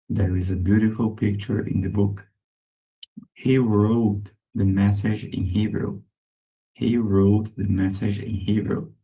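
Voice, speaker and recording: Male English teacher, reading each sentence twice, deep voice. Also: warm tone, low-quality recording. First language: Portuguese. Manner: reads each sentence twice, slowly and clearly. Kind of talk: slow repetition drill for beginners.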